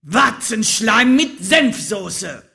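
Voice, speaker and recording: A woman voicing a furious male wizard who yells insults, in a children's audiobook. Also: a little high, sing-song, drawn-out words, creaky, voice pushed up, full character voice. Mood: raging. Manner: shouting insults in a strained, raised voice. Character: furious little wizard man, stomping and raging. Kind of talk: audiobook character voice.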